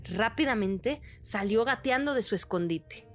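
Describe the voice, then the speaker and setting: Woman reading a kids fable, lively and expressive, kinda high voice, faint music underneath. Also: unhurried. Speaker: storyteller. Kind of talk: children's fable narration.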